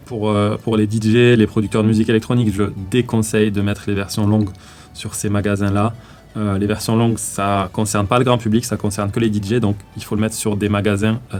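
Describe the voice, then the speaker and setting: Low-voiced French man, casual YouTube tutor, slangy and halting, faint music bed. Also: a little mellow. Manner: slangy, hesitant with many fillers while clicking. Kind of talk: casual screen-recorded tutorial.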